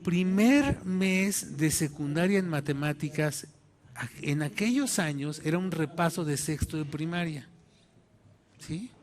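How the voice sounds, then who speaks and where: High-voiced Mexican pastor preaching. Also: male voice, a little slow. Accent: Mexican Spanish. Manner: animated, acts out voices in his story. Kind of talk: sermon with personal storytelling.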